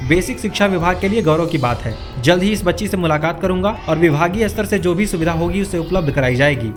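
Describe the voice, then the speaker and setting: A man with a high voice delivers scripted news narration as a reporter. Faint music plays behind him. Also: lively intonation, fairly quick.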